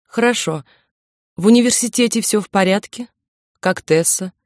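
A woman's voice: medium pitch, normal speed, a little mellow, no room sound, pitched above the performer's own voice, lightly acted. Woman reading a terse, tired dad, all business, dry close sound. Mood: weary businesslike. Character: tense terse middle-aged businesslike father on phone.

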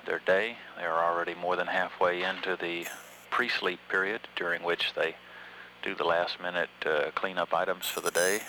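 Very deep, flat male mission announcer. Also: a little hiss or hum, low-quality recording. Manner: measured, matter-of-fact, halting at times. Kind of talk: public affairs mission commentary.

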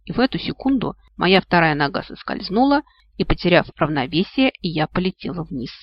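A reader narrating a first-person fantasy audiobook in a lively way, exclaiming when voicing the heroine. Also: medium pitch, a little fast. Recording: dry, muffled, dull-sounding recording.

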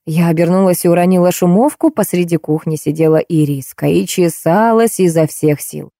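A woman narrating a first-person audiobook with an expressive, animated delivery. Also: fairly low pitch, moderate pace, gravelly, no room sound, studio quality.

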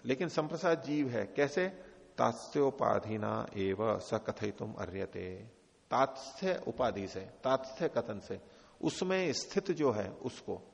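A man with an Indian accent giving a scripture lecture, explaining slowly, chanting Sanskrit quotes and asking and answering his own questions. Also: mid-range voice, creaky. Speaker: Vedanta teacher. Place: ashram lecture hall. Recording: dull lo-fi audio, long hall reverb.

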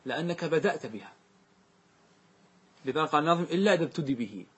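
Male teacher, slightly husky, higher voice, checks in with the class often. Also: expressive, quick pace. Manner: questioning students, repeating answers. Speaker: teacher explaining grammar verses. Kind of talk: classroom lesson.

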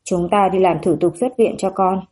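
A woman's voice: mid-range voice, steady tone, normal speed, darkish tone, close to an everyday voice. Cool, reserved father, read by a woman. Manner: cool and curt. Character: reserved, inscrutable middle-aged father.

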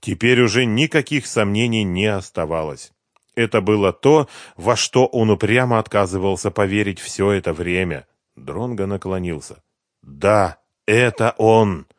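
A man narrating a thriller novel in a steady, measured read. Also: lowish voice, no room sound, clean studio sound. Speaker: audiobook narrator.

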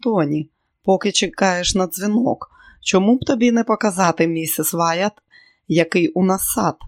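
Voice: medium pitch, moderate pace, close to an everyday voice. A reader voicing a controlling, scheming rich matriarch in an audiobook, speaking dryly and politely. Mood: cool. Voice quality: dry, pointed. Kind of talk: audiobook character reading.

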